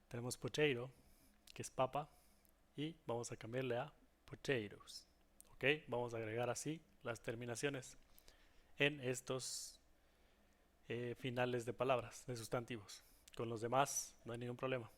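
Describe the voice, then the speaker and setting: A man walks students through English grammar rules in a recorded lesson. He explains patiently and keeps checking in with his class as he goes. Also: mid-range voice. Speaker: English teacher.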